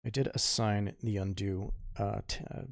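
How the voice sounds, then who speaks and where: A man's voice: fairly low pitch, little pitch movement, normal speed, creaky, no echo, studio quality. A man in his fifties, a comic artist chatting casually while he draws, rambling and correcting himself as he goes, muttering asides to himself. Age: 50s. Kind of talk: casual tutorial chat while drawing.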